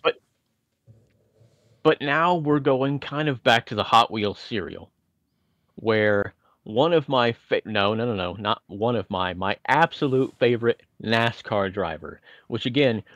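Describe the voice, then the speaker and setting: A man's voice: mid-range voice, expressive, measured pace, fairly bright tone, dry recording, dull audio. Man telling long nostalgic anecdotes. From Indiana. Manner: chatty, winding anecdotes with self-deprecating asides. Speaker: podcast co-host. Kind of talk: casual nostalgic storytelling.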